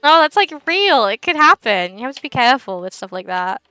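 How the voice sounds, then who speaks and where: A woman's voice: fairly high pitch, very animated, a little fast, bright, forceful tone, smooth, dry recording, soft background music, rough recording. A young woman livestreaming and chatting casually with viewers, giggly and rambling, often laughing mid-sentence.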